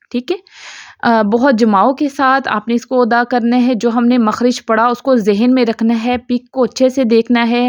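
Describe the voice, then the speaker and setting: A woman teaching Quran pronunciation, explaining a diagram, often checking in and demonstrating sounds slowly over and over. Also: a little high, dry recording, muffled recording. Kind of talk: tajweed lesson explaining a diagram.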